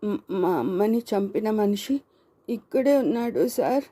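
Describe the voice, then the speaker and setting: A woman's voice: sits high, fairly even intonation, dark tone, dry recording, voice pushed up, close to an everyday voice. Woman doing a sobbing little boy. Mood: tearful. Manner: halting, tearful. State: crying, sobbing. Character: grieving eight-year-old boy witness.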